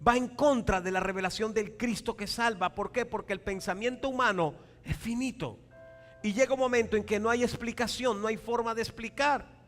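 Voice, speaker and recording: A male pastor preaching a sermon, animated and acting out dialogue, often asking the congregation for a reply. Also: high voice, normal speed. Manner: acts out quoted dialogue in raised voices. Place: large church hall. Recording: long hall reverb with faint music.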